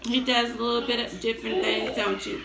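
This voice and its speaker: A woman hosting a casual mukbang chat at home, relaxed and laughing often as she talks between bites. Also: on the high side, fairly quick, vocal fry, over a noisy crowd. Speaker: vlog host and mother. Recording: echoey room with faint background noise.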